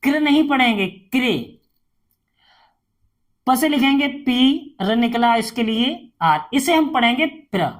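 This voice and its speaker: A woman's voice: high voice, animated, moderate pace, few pauses. A woman tutoring a beginner spelling lesson, reading each word, spelling it letter by letter, then repeating it. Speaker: English tutor.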